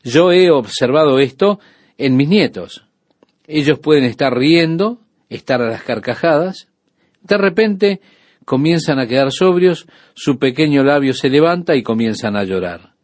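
A man giving a radio sermon, preaching calmly and measuredly with frequent pauses. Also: fairly high pitch, no room sound. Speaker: radio Bible teacher.

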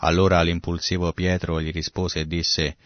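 A man's voice: sits low, little pitch movement, moderate pace, dry recording, dull audio. A man preaching a sermon, reading scripture and explaining it, now and then acting out the quoted lines. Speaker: pastor. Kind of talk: sermon, Bible exposition.

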